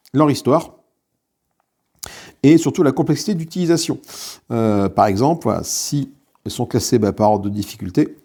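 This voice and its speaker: A man talks through a solo board game session in a relaxed, chatty way, often trailing off into hesitations and joking at his own expense. His voice is mellow and dark, sitting at an ordinary middle pitch. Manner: chatty and self-mocking, with many hesitations. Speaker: board game video host. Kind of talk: casual solo playthrough commentary.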